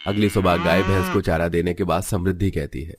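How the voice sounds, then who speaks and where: A man with a very deep voice narrates a cartoon story in steady, scripted storytelling. Faint noise sits under his voice. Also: brisk.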